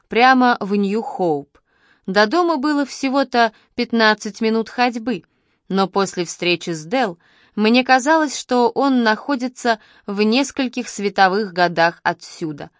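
A woman giving scripted first-person narration of an audiobook at a measured, even pace. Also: on the high side, no room sound, studio quality.

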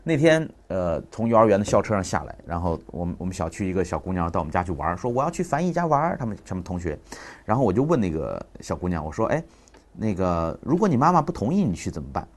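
A man's voice: low voice, sing-song, fast talker. A man in his thirties giving a public talk on parenting, telling family stories and acting out the dialogue. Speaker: parenting speaker.

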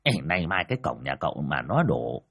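A man's voice: very deep voice, sing-song, fairly quick, vocal fry, fairly bright tone, lo-fi sound, a little hiss or hum, pitched below the performer's own voice, exaggerated voice. A man doing a wheedling old village medium. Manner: pleading, joking banter. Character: jokey, fretful old male village medium.

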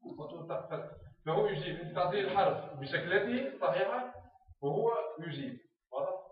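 A man instructs teachers on reading drills, repeating words slowly and clearly. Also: high-pitched, animated. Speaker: teacher trainer. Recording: echoey room, far off, phone-like sound.

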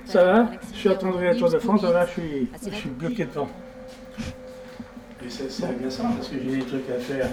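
A man with a somewhat high voice chats casually. He rambles and repeats himself as he goes. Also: moderate pace, long pauses, background noise. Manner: rambling, repetitive. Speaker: cycling fan encountered at home.

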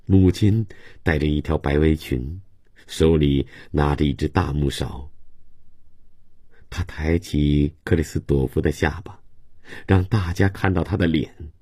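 A man narrating a literary novel as an audiobook in a calm, measured storytelling manner. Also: extremely low pitch, slightly rough, no room sound, clean studio sound.

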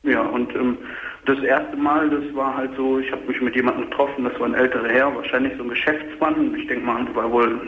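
A man's voice: medium pitch, steady tone, brisk. A man in his twenties calling in to a radio show from his car, hesitantly telling his story over a phone line that sounds like a speakerphone. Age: 20s. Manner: hesitant, many filler sounds. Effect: caller on a phone line that sounds like a speakerphone. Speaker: caller. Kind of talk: caller recounting his story. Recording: echoey tinny phone line from a car, faint noise.

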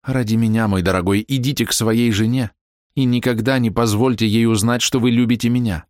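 A man's voice: mid-range voice, fairly even intonation, fairly quick, darkish tone, dry recording, studio quality, pitched above the performer's own voice, lightly acted. A man reading aloud and voicing an anguished young woman torn by forbidden love, in a raised, pleading voice. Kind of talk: audiobook character reading.

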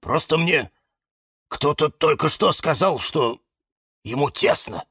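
A man voicing an anxious, excitable young male cactus in a children's storybook. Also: fairly high pitch, slow, husky, no room sound, studio quality, voice pushed up, full character voice. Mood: puzzled. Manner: excitable, jumpy.

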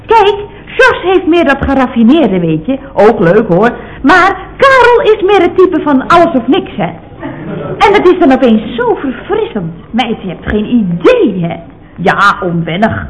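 A woman's voice: high-pitched, big pitch swings, measured pace, rough recording. A woman playing a chatty, gossipy office secretary in a radio comedy sketch, peppering her talk with little tag questions.

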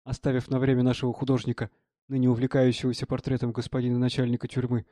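A man reads a literary audiobook in a calm, measured voice of ordinary pitch. The recording is close and dry, with no room sound. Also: no echo. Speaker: audiobook narrator.

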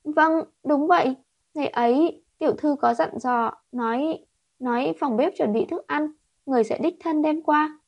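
A woman voicing an anxious, devoted young maid in a storybook reading, speaking high and urgently. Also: drawn-out words, hardly any pauses, no echo, lo-fi sound, heavily acted. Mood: nervous.

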